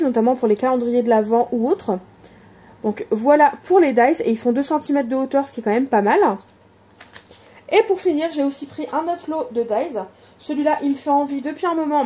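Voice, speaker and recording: In a casual show-and-tell vlog, a woman walks through her craft supplies in a high-pitched, warm, husky voice. She talks chattily, often using fillers and correcting herself.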